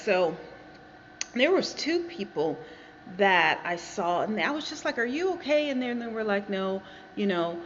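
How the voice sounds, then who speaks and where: A chatty American woman rambles casually to her viewers in a medium-pitched voice. The sound is a little dull and lo-fi, recorded in a garage with some faint noise behind her. She wanders from one thought to the next in an informal vlog style. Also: a bit bright. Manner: chatty, digressive. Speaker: vlogger. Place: garage with reflective acoustics.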